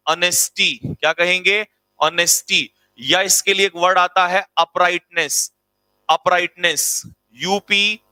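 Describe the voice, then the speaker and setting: A male teacher giving a lively online vocabulary lesson, spelling out words letter by letter and repeating key answers to his students. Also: high-pitched, no room sound.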